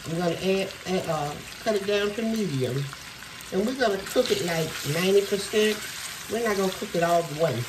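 Her voice is medium-pitched and moderately paced, with background noise behind it. She hosts a relaxed cooking demo at home, talking in a folksy, filler-heavy way while a cold wears on her voice.

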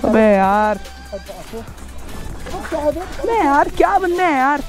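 A man's voice: extremely high pitch, sing-song, slow pace, music in the background. A man vlogging, trying to break up a fight and arguing back in exasperated, pleading outbursts. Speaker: motovlogger. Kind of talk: casual vlog argument.

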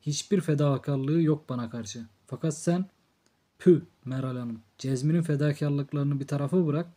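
A man's voice: a little high, moderate pace, dark tone, close to an everyday voice. A man voicing a blunt, threatening drunk older brother in an audiobook, in a harsh scolding tone. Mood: brooding. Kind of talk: audiobook character reading.

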